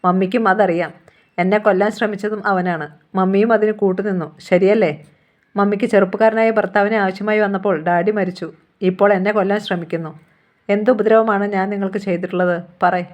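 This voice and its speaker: A woman's voice: mid-range voice, fairly even intonation, fairly quick, lightly acted. A defiant young heiress, accusing and demanding answers, read by a woman narrator. Her voice stays close to the reader's own as she presses her questions.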